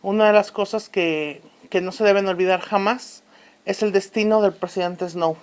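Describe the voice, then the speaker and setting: In a solemn, urgent mood, an earnest actress plays a woman commentator reflecting on history in a scripted radio drama about a fictional republic. She speaks with solemn emphasis and deliberately repeats phrases. Her mid-range voice has fairly even intonation and sounds close to everyday speech.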